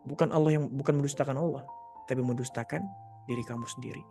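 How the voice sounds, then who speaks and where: A man's voice: medium pitch, fairly even intonation, fast talker, warm tone, faint music behind. A man mentoring young people in a live question-and-answer session, reading out questions and giving casual, direct advice. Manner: casual, direct advice-giving, mock voices when quoting.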